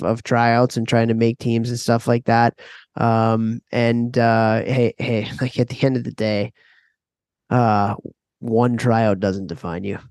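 A man's voice: medium pitch, a little mellow, no room sound, clean studio sound. Easygoing, encouraging man, podcast co-host. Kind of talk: casual chat.

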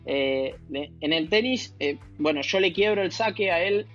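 A man's voice: on the high side, lively intonation, normal speed, fairly bright tone, dull audio, soft background music. A man with an Argentine Spanish accent, a tennis player telling a story in a casual interview, with hesitant restarts. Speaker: guest, professional tennis player.

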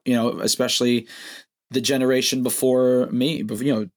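A man, a guest songwriter, talking reflectively in a casual podcast chat, with many halting restarts. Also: medium pitch, flat delivery.

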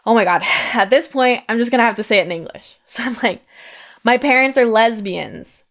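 A young adult woman from the United States tells a personal story from her teenage years, acting out the quoted lines with lively energy. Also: a little high, normal speed. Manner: lively, animated retelling with acted-out quotes.

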